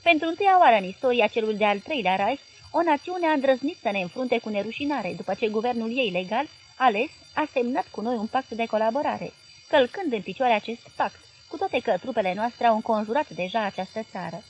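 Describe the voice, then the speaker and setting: A woman reading a novel aloud, voicing a volatile male dictator who shouts in sarcastic fury. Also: a little high, lively intonation, slight background noise, lightly acted, low-quality recording. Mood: raging.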